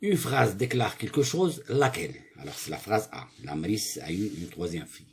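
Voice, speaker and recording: Very animated and breathy, a man with a lowish voice talks at normal speed through a grammar exercise. He's a primary school teacher who reads and explains the work, asks questions then answers them himself, and corrects his slips.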